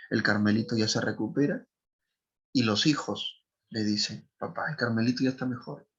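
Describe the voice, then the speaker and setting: A male literature teacher, retelling a story to his class in an animated way, acting out voices and asking students questions. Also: mid-range voice, lo-fi sound.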